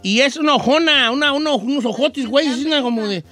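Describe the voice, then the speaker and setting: Don Cheto, a high-pitched joking old rancher. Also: male voice, fast, bright, forceful tone, faint music behind. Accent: Mexican. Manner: teasing, slangy, boastful banter. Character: cheeky old Mexican rancher man, boastful joker. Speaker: radio show host. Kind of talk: comic radio talk show.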